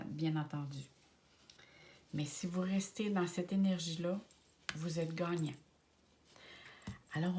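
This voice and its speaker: A woman with a Québécois accent giving a tarot card reading, speaking gently and often half in a whisper, affectionate and encouraging with her viewers. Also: sits low. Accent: Québécois French. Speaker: tarot and oracle card reader.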